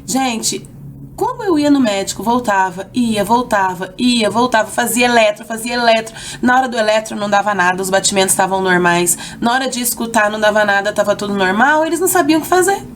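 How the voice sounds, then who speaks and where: A young adult Brazilian woman vlogger telling a personal story in a casual, animated way, jumping higher when quoting herself. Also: brisk, a little hiss or hum. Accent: Brazilian Portuguese. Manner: animated, acts out quoted lines with raised pitch.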